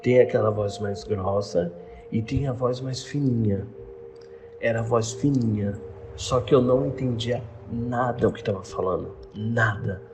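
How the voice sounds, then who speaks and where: A young man with a Brazilian Portuguese accent recounting a personal experience in casual first person, retelling conversations with halting restarts. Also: mid-range voice, a little mellow. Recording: noisy background ambience.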